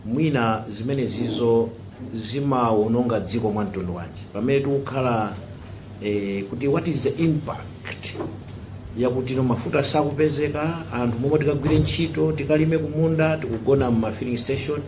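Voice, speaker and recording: A man's voice: mid-range voice, moderate pace. Malawian guy moderating a briefing, medium voice, asking questions, noisy recording. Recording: clear background noise.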